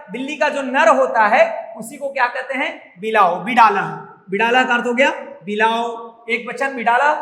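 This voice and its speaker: A male Sanskrit teacher giving a classroom lesson, repeating each word slowly and quizzing his pupils with questions. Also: very high-pitched, sharp tone. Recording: echoey room.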